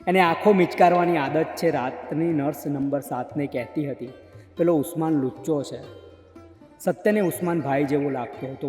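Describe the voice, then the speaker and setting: Man reading a novel aloud, measured, kinda high and mellow, echoey hall, faint music. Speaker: narrator. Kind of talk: audiobook novel narration.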